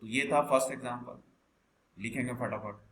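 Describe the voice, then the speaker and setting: A man's voice: mid-range voice, fairly even intonation, normal speed, fairly bright tone. A man teaching a maths class online in speech, patiently calling students "beta" and asking them questions as he explains. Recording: echoey room, faint background noise.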